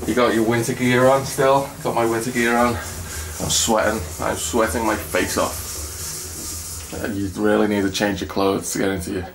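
A travel vlogger, a man with a fairly low, gravelly voice, rambles casually and self-deprecatingly into a handheld camera mic at a measured pace and in a flat delivery. He walks through his apartment and stairwell out to an icy outdoor car park and his car, with noisy background sound.

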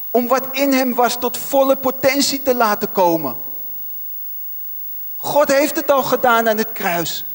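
A man's voice: very high-pitched, a bit bright. A man preaching a sermon in a church, impassioned and emphatic, rising into pleading questions. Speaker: pastor. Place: large church hall. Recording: church hall reverb.

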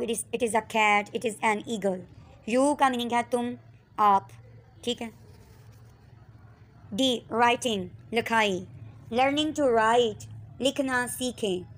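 Woman, Pakistani accent, schoolteacher, fairly high voice, slow deliberate reading, explaining a textbook lesson. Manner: slow, drawn-out reading of English words and sentences. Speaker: teacher.

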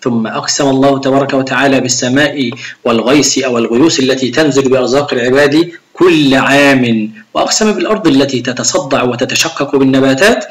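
A man's voice: medium pitch, quick pace. A middle-aged male teacher gives a recorded video lesson on Quran recitation to young pupils. He works through the rules step by step and demonstrates how each sound should be pronounced. He talks straight to the pupils and encourages them to follow along. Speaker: religion teacher.

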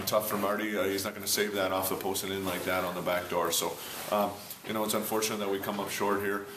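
Hockey coach, man, 30s: low, monotone, rapid post-game recap, echoey locker room with background noise. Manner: fast, filler-heavy recap with frequent restarts. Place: arena locker room, indoors.

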